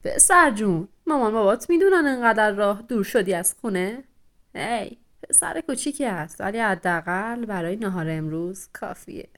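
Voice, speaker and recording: A woman voicing a large scarred male hunting dog who taunts in a loud, drawn-out voice. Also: mid-range voice, expressive. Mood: mocking.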